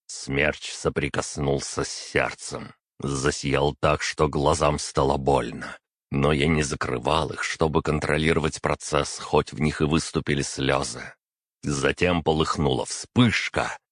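A man reading a first-person fantasy audiobook in a measured, steady storytelling manner. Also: a bass voice, no echo, studio quality. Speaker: audiobook narrator.

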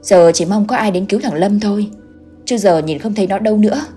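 A woman's voice: mid-range voice, fairly quick, faint music behind. A woman narrating a ghost story in a scripted storytelling style. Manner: voices the characters with raised, louder delivery.

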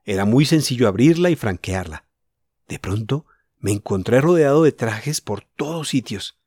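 A man's voice: medium pitch, animated, normal speed, a little mellow, slightly rough, no room sound, clean studio sound. A man voicing an eager teenage boy telling the others about a discovery, in a storybook reading. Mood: excited.

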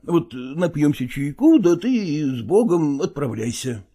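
A man's voice: on the high side, sing-song, mellow, husky, heavily acted. Man playing a groaning malingering actor. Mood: groaning evasive. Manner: groaning, drawn-out and slow, wheedling. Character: middle-aged male actor feigning illness, evasive. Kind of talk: audiobook character reading.

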